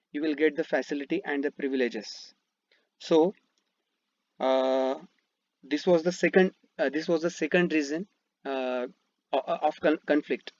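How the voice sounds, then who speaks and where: A man's voice: fairly high pitch, dry recording. A man with an Indian English accent and Marathi as his first language, teaching a history lesson over slides, with rhetorical questions and frequent fillers. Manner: explains step by step, asks rhetorical questions, frequent fillers and restarts. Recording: dull dry lo-fi voice-over.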